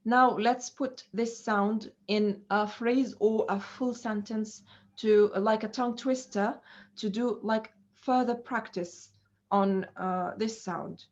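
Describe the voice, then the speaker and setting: A woman teaching an English pronunciation lesson, speaking slowly and deliberately with many fillers. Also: mid-range voice, fairly even intonation. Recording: dull lo-fi recording.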